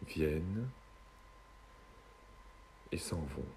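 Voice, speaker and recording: Low, slow hypnotist voice, male. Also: lively intonation, vocal fry, dark tone, a little hiss or hum. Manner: slow, soothing hypnotist delivery with long pauses. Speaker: hypnotist guiding relaxation. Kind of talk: guided hypnosis session.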